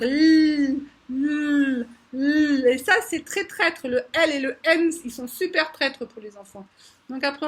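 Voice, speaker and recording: A woman teacher with a high, bright-sounding voice explains letter sounds to parents. She is animated and drags out each sound several times in a row. Her tone stays patient and instructive. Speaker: preschool teacher.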